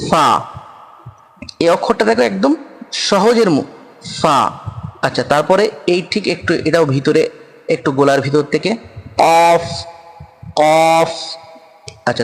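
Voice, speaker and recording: A man teaching Quran reading in a slow spoken lesson, patiently repeating each Arabic letter with many pauses, with a Bengali accent. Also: on the high side, gravelly. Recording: long reverb, room echo.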